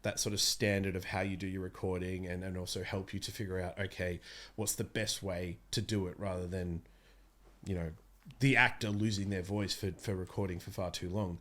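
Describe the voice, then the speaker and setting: A man in his thirties, a voice actor, is the guest in a casual interview, rambling and cutting himself off. He speaks a little fast in a low voice with little pitch movement and a fairly bright tone. The recording comes from a close podcast mic in a small indoor studio room.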